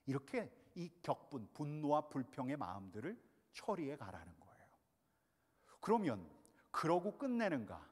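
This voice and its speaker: A male pastor preaching a sermon, swinging between hushed and loud. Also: mid-range voice, sing-song, normal speed, husky. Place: church sanctuary. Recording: long reverb of a church hall.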